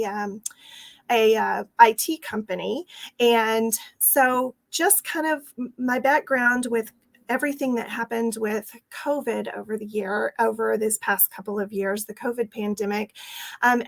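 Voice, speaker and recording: A middle-aged woman with a Texas accent speaks in a slightly high voice with some vocal fry. She's a franchise owner recounting her story in an interview, earnest and rambling, full of fillers and restarts.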